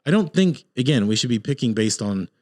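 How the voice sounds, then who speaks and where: Male podcast host, mid pitch, dry close mic, opinionated and rambling. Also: sing-song, fairly quick, darkish tone, dry recording. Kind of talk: casual sports chat.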